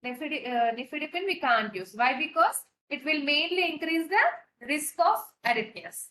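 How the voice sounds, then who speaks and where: Woman, Telugu accent, exam tutor, fast talker, bright tone, repeats key terms. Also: sits high, lively intonation, echoey room, poor audio. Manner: mixes Telugu with English, repeats key points, frequent restarts. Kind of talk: online exam-prep lecture.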